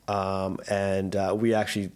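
Easygoing man with a low voice. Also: measured pace. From Canada. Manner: relaxed, laughs often, many fillers and restarts. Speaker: guest, digital media co-founder. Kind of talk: casual podcast conversation.

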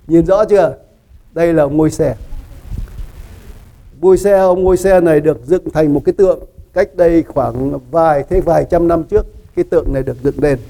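A man preaching a sermon in a church, his voice high and gravelly with a dark tone. He teaches in an animated way, quizzing his listeners and laughing at his own jokes. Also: poor audio. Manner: animated teaching, asks the congregation questions; laughs often, joking asides. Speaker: pastor.

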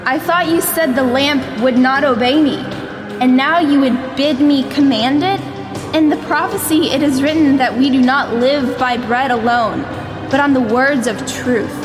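A woman's voice: high-pitched, measured pace. A woman playing a steadfast, devout young girl who answers firmly in an audio drama. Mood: resolute. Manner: firm, resolute. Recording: reverberant with music.

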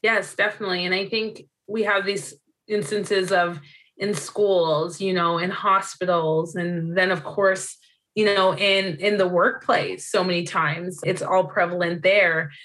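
Woman host from Zimbabwe, grew up in North America; lower register, conversational, thoughtful. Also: fairly even intonation, a little slow, a bit bright, low-quality recording. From Zimbabwe, raised in North America. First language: Shona. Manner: thoughtful, uses "you know" often. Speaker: interviewer. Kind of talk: conversational interview.

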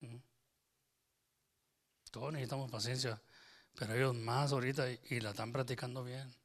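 This pastor talks fairly quickly in a medium-pitched, level voice. Preaching informally in a small church, he cracks jokes with the congregation and mixes English phrases into his speech.

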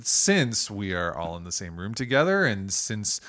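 A man's voice: fairly low pitch, very animated, measured pace, sharp tone. A man hosting a casual podcast from his dining room, chatty and laughing often between filler words. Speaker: podcast host. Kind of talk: casual chat.

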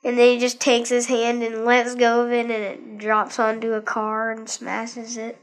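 Female co-host, high pitch, hesitant casual movie chat. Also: completely flat delivery. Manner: halting, full of fillers and restarts. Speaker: podcast co-host.

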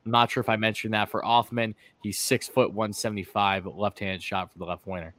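A man's voice: lowish voice, little pitch movement, fairly quick, fairly bright tone. A man hosting a casual livestream chat, greeting viewers and asking his guest long questions. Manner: friendly, thanks viewers, asks long questions. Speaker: livestream podcast host.

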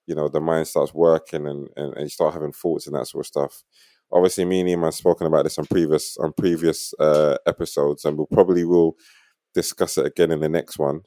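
A man's voice: low voice, dark tone, no room sound, clean studio sound. A young man with a London roadman accent hosting a podcast in casual, slangy street talk. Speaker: podcast host.

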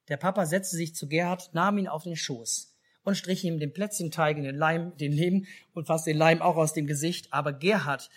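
A man with a German accent telling a children's Christmas story in a church service, speaking lively and asking the children questions. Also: on the high side, breathy edge. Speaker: pastor.

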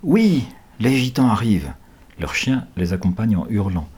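A man reading a children's adventure book aloud at home, lively and animated, with small hesitations and self-corrections. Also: on the low side, normal speed, husky.

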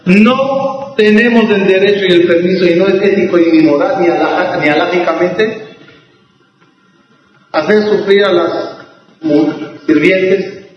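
A man teaching a religious law lesson as a rabbi, deliberate, with restarts and rhetorical questions. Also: high-pitched. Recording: echoey hall, distant mic, dull sound.

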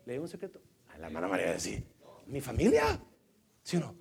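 A man preaching a sermon as a pastor, who swings between loud exhortation and hushed asides and mixes in English words. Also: mid-range voice, wildly swooping pitch, fast talker, gravelly, slightly rough. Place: church hall.

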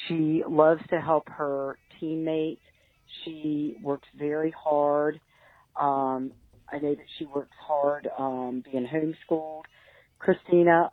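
A caller leaving a recorded phone voicemail, speaking earnestly and haltingly with many ums. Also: mid-range voice, no echo. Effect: phone voicemail message. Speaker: caller nominating a teammate. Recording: tinny phone line.

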